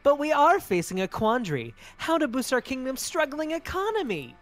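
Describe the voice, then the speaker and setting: A man's voice: extremely high pitch, sing-song, normal speed, a bit bright, soft background music, pitched above the performer's own voice, heavily acted. A man voicing a haughty, bloodthirsty mermaid princess from a dating game, with a regal, condescending manner. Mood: proud.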